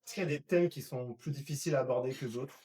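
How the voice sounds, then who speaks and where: A man interviewing a guest, asking brisk and direct questions from away from the microphone. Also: mid-range voice, slightly rough. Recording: voice quiet and distant from the mic.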